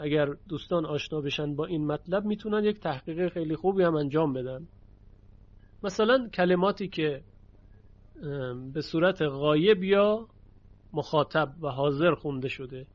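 A man teaching a lesson on Quranic readings, explaining the rules and chanting short verse examples slowly. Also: a little high, highs cut off.

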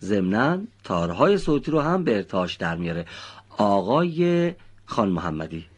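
A man's voice: lowish voice, big pitch swings. A man teaching children how to pronounce Quran recitation letters. He explains patiently and precisely and praises his students often.

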